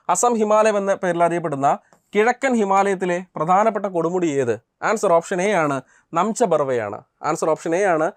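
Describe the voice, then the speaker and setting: A man's voice: high-pitched, no room sound. A young man teaching an exam prep lesson. He repeats each question and answer and checks in with his students.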